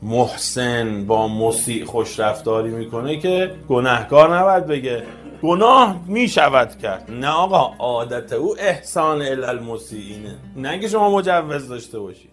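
Male cleric lecturing, mid-pitched, emphatic, rhetorical questions, faint music underneath. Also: a bit bright. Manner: emphatic, rhetorical questions, recites Arabic phrases. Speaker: cleric giving a religious lecture. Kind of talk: sermon-style lecture.

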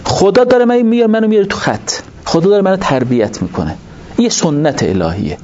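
A man giving a religious lecture to an audience, explaining points in an animated way and asking rhetorical questions. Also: high-pitched. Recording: dull lo-fi recording with faint noise.

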